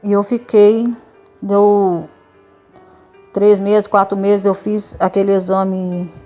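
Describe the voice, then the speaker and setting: Lady sharing her church testimony, emotional storytelling, quiet music underneath. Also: medium pitch, flat delivery, takes it slowly. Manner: emotional storytelling, retelling dialogue with quoted voices. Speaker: church member giving testimony. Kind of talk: religious testimony.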